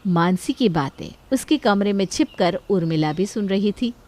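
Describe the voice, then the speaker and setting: A woman narrating a family story in a calm storytelling tone. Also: medium pitch, normal speed, dry recording. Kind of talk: scripted narration.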